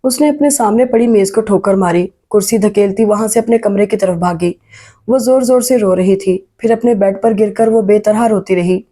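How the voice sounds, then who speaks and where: A woman's voice: medium pitch, moderate pace, warm tone. A woman narrating a novel as an audiobook, reading out the characters' lines herself as she goes. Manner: voices the characters' lines within her reading.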